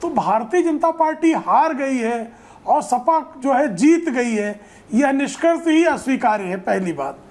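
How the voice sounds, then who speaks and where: A woman's voice: sits high, expressive, unhurried, a little mellow. A woman making her party's case in a TV debate, with rhetorical lists. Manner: listing and rhetorical. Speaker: party spokesperson. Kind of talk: debate argument.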